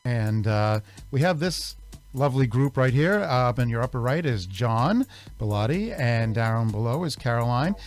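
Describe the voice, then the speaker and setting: A man's voice: medium pitch, animated, moderate pace, soft background music. A man hosting a radio interview show over a video call, chatting casually with many fillers and little jokes.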